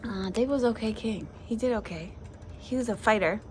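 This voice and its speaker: A woman's voice: on the high side, brisk, a little mellow, a little hiss or hum. A young adult woman hosting a casual Bible chat, chatty, often laughing, and acting out the people she quotes. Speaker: devotional host.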